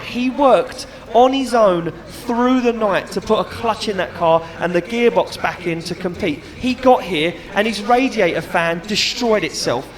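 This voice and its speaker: A middle-aged man doing live motorsport commentary and chat, emphatic and enthusiastic, repeating phrases for effect. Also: high voice. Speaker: motorsport event commentator and announcer. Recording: crowd noise behind trackside commentary. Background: event crowd.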